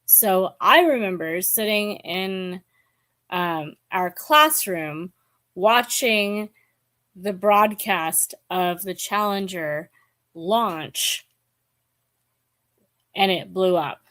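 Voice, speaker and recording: A woman in her forties chatting casually about books to camera, hesitant and musing, with many pauses and ums. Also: medium pitch, a bit bright. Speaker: book vlogger. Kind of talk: casual book chat to camera.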